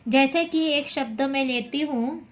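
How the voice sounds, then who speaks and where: Woman teacher, high-pitched, slow and deliberate, patient reading drill, corrects herself with a quick apology. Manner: patient, repeats each syllable aloud; corrects her own slips with quick apologies.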